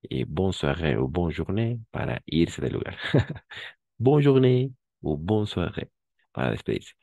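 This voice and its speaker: A male language teacher with a very low, dark voice who talks slowly and patiently. He repeats words and corrects pronunciation. The sound is dry and close. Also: big pitch swings, no echo. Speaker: French teacher. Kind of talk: language class instruction.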